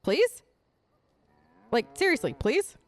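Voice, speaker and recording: Slow and sing-song, this woman's high voice carries her improvised in-character replies during a role-play let's play. As the gaming host voicing her player character, she comes across as chatty, casual and a little hesitant, over game music.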